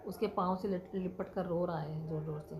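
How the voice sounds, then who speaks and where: A woman telling a family story in a casual, halting way with many restarts. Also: on the low side, steady tone, a crowd in the background. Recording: noisy background.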